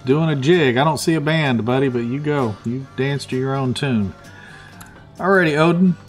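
A man's voice: mid-range voice, moderate pace, faint music behind. A man casually commenting on a video game he is playing, thinking aloud with plenty of fillers. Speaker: let's play host.

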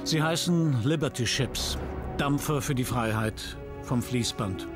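Grave male documentary narrator over music. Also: medium pitch. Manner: grave, measured, short dramatic sentences. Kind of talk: scripted history documentary narration. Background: background music.

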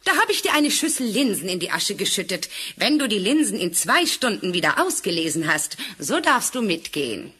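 A woman's voice: medium pitch, big pitch swings, normal speed, few pauses, sharp tone, breathy edge, full character voice. A woman playing a harsh, scornful older stepmother in a fairy tale audio drama, strict and sneering.

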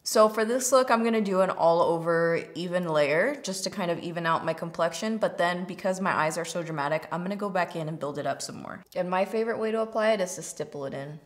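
A woman's voice: on the low side, quick pace, few pauses. A woman in her thirties chats casually and informally as a beauty vlogger, talking while she applies her makeup. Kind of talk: casual get-ready-with-me chit chat while doing makeup. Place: indoor studio set with plain backdrop.

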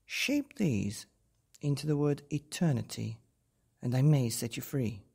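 A man voicing a sharp-tongued, spiteful Snow Queen in a storybook reading. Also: mid-range voice, expressive, unhurried, vocal fry, breathy edge, exaggerated voice. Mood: cold.

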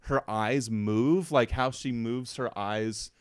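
A podcast co-host talks slowly in a mid-range, clean-toned voice, recorded at studio quality with no echo. His casual chat about a film rambles and turns emotional, with many fillers.

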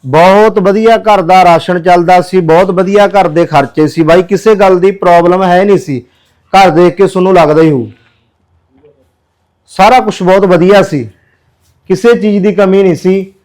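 A man's voice: high-pitched, moderate pace, darkish tone, rough recording. A man who works as a social worker, pleading earnestly with viewers in a charity appeal video.

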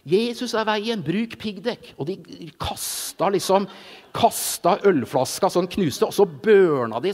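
A middle-aged man gives an informal sermon testimony, telling his story in an animated way and acting out voices. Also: on the high side. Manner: animated storytelling, acts out voices, frequent "ikke sant". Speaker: preacher. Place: large church hall. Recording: reverberant church hall.

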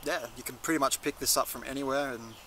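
Outdoors in a leafy garden, a young man who reviews chillies and hosts videos speaks to camera in a relaxed, conversational way. His mid-range voice is steady, fast, pushed and bright, with slight background noise.

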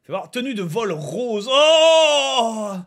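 Animated high-voiced man commentating a game. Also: takes it slowly. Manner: playful, exclamatory, slangy. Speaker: video game streamer and host. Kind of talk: casual gameplay commentary. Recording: game music behind the voice.

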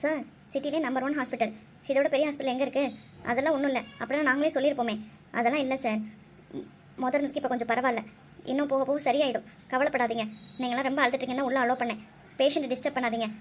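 A woman voicing a calm female doctor who reassures worried relatives, in a cartoon dub. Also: high voice, racing, slight background noise, close to an everyday voice. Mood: firm.

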